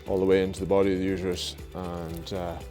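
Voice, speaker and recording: A man gives a running commentary on veterinary work as he does it. His voice is low, and music is clearly audible behind it. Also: little pitch movement, fast talker, mellow. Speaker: vet. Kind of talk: commentary while working.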